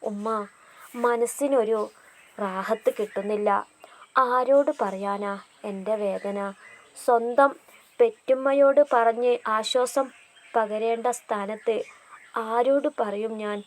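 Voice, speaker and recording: A woman's voice: fairly high pitch, slow pace, long pauses, low-quality recording. A woman voicing a young man on his wedding day, scornful at first and later tearful and pleading. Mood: aching. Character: grieving young groom, bitter yet tearful.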